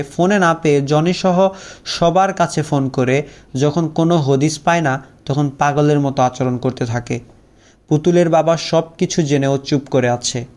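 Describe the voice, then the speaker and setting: A man's voice: on the high side, darkish tone. A young man narrating a first-person story, with a sorrowful, heartfelt storytelling manner.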